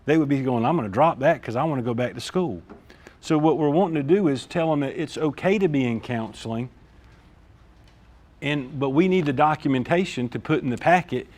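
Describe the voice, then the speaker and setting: A man's voice: medium pitch, darkish tone. A man, a school district administrator explaining discipline procedures at a staff meeting in an informal way, often checking in with "all right?".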